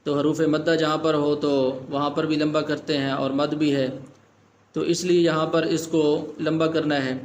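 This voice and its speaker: A man teaching Quran recitation rules, explaining each point plainly and then chanting the verses slowly. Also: fairly high pitch, slight background noise. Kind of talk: tajweed lesson in Urdu with chanted recitation.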